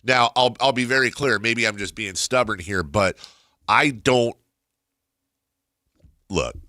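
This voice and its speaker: A man's voice: medium pitch, slow pace, pushed and bright, dry recording, clean studio sound. A middle-aged man with a stuffed-nose, very nasal voice, talking casually and ramblingly as a talk radio host, repeating words and poking fun at himself.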